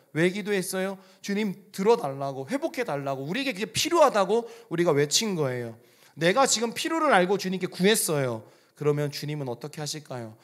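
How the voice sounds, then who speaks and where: A man preaching a sermon as pastor, earnestly, swelling loud on his appeals and dropping to soft, almost whispered lines. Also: on the high side. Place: church sanctuary.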